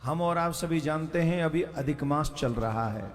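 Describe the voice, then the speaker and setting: Male devotional preacher, unhurried delivery, faint music behind him, big-tent reverb. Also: on the high side. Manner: earnest, teasing the crowd, calls for responses. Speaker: kathavachak preacher. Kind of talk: devotional sermon to a live crowd.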